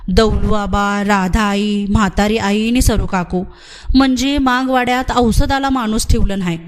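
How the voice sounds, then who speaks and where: A woman's voice: medium pitch, steady tone, measured pace, lightly acted. A woman reading aloud voices a worried village man bringing grim news, in rustic village speech. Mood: anxious.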